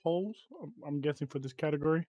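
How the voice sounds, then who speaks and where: On a podcast he co-hosts, a man chats casually, rambling and correcting himself as he goes. His voice is a little high, warm, and quick, captured in a dry, low-quality recording.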